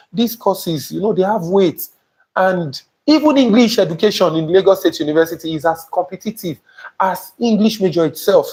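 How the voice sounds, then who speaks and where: A man's voice: a little high, a little mellow. A young man with a Nigerian accent, teaching a live session on a lapel mic and often asking viewers whether he makes sense. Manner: emphatic, repeatedly checks in with viewers. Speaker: admissions tutor. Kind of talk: live-streamed teaching talk. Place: indoor studio before a printed banner. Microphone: small lapel mic.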